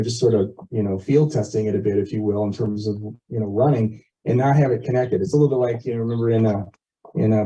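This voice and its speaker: Speaking to his neighbours over a video call from a neighbourhood meeting, this man, a community board member, presents in a relaxed, folksy way and leans on simple comparisons. The meeting audio is muffled and picked up by a far-off mic, but his mid-range voice comes across as mellow.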